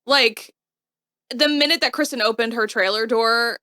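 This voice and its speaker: Woman chatting through a tv recap, high-ish bright voice, dry close sound. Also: normal speed, dry recording. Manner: chatty, animated retelling with quoted asides. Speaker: podcast co-host. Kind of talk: casual recap chat.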